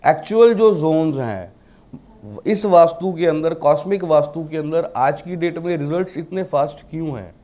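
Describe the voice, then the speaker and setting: A man's voice: a little high, expressive, moderate pace, dark tone. A man teaching a class, mixing English terms into his Hindi and asking the class rhetorical questions. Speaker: vastu teacher. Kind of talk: classroom lecture.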